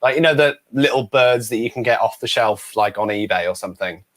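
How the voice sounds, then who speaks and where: A man from the UK, a guest ventriloquist, telling stories in a casual interview, animated and often laughing as he talks. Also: mid-range voice, a little fast. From United Kingdom. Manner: animated, acts out the people in his stories.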